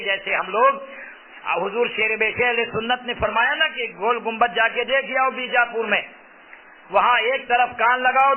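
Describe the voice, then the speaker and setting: Slight background noise accompanies a high-pitched male preacher delivering a sermon on a fatwa. He presses his points emphatically and repeats key phrases. His voice comes through a loudspeaker microphone near his mouth, tinny like a phone.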